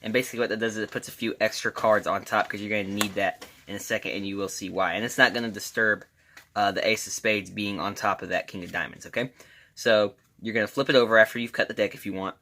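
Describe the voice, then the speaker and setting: A man's voice: lowish voice, steady tone, fast talker, pushed and bright. A man giving a casual, informal step-by-step tutorial as an amateur magician, talking directly to his viewers. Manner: informal, addresses viewers as guys.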